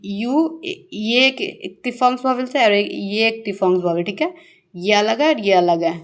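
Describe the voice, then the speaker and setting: A woman teacher goes through a shorthand lesson step by step. She asks her pupils a question, then answers it herself, and draws out each key word slowly so they can follow. Her voice sits at an ordinary middle pitch. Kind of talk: classroom-style shorthand lesson.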